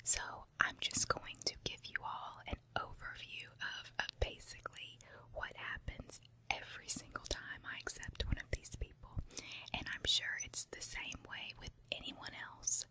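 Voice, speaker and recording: A woman whispering very close to the mic, ear to ear, in an unhurried, confiding ASMR ramble. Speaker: ASMR video creator. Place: room at home with carpet and window. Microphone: handheld recorder with foam windscreen on tripod, very close.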